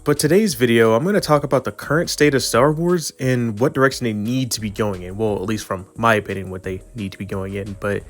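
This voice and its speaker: Allergies leave this man's voice stuffy and nasal, though it sits at medium pitch with a fairly bright tone. Working as a video commentator, he rambles earnestly through his opinions, frequently starting over.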